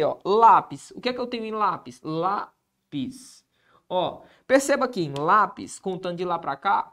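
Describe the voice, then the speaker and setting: A man's voice: high voice, a bit bright. Brief: male Portuguese teacher, exam-prep lesson, quizzes himself and keeps checking in with the class. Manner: asks and answers his own questions, constant "certo?" and "massa" check-ins.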